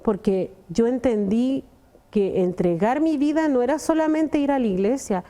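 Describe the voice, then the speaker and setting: Woman telling her testimony, kinda high voice but soft and mellow, keeps repeating herself. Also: moderate pace, slight background noise. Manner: earnest, repeats words, often addresses the pastor. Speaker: testimony guest. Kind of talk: emotional personal testimony.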